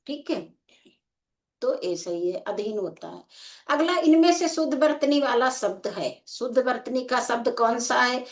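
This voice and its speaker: A woman teaching a Hindi spelling lesson for exam preparation, explaining slowly and checking in with the class again and again. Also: high-pitched. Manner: slow and explanatory, repeating "ठीक है" as a check. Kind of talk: exam-prep lecture.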